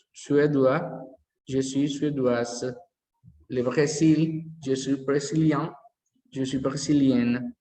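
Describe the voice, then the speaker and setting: A man teaching a language lesson, slowly repeating each word form aloud as he explains it. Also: mid-range voice, a little mellow. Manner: slow, careful, repeats word forms aloud. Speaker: French teacher. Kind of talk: bilingual classroom lesson. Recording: echoey hall.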